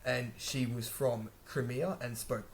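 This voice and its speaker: Slow-paced and steady, a man with a medium-pitched voice shares casual language-learning advice to camera indoors, with a little hiss or hum on the recording. He wanders as he talks, chatting away and often correcting himself or starting over.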